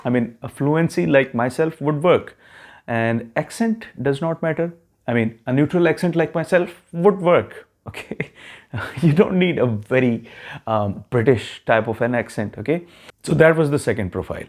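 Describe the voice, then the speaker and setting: A man who runs a YouTube channel with immigration advice describes a test strategy to viewers, speaking casually and dropping frequent "okay" check-ins. His voice is medium-pitched and darkish at a moderate pace, with a neutral accent, and he says his English isn't very fluent.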